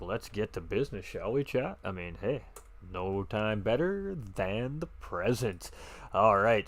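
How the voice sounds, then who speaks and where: A man doing live-stream sim racing commentary, chatty and excitable, reading chat aloud from a home streaming setup. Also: sits low.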